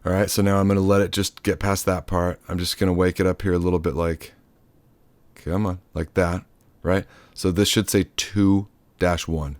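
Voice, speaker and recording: A man's voice: low voice, level tone, normal speed, darkish tone, dry recording. A man giving a loose, chatty hands-on synth tutorial, cracking offhand jokes and the odd swear word. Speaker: synth module demonstrator.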